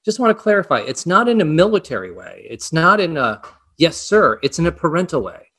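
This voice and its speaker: Bright, earnest man giving dog-training tips. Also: on the high side, sing-song, fast, creaky, slightly rough. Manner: earnest, instructive. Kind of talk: casual interview advice. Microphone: video call.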